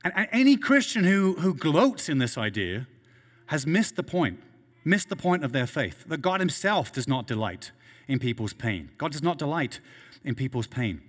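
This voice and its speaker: Earnest preacher man, echoing hall. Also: mid-range voice. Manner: earnest, repeats words and restarts while building a point. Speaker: pastor. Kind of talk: sermon.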